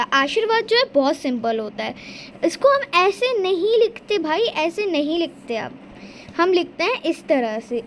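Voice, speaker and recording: Woman tutor, high and animated, talky classroom explainer, light background hiss. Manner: chatty, repeats points, asks and answers own questions. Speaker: Hindi tutor. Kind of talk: casual spoken lesson.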